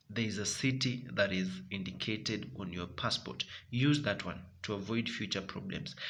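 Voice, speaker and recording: A man's voice: lowish voice, fairly bright tone. A man with a Kenyan accent, walking viewers through a form step by step, repeating key points. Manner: repetitive, instructive, addresses viewers as guys. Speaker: tutorial presenter.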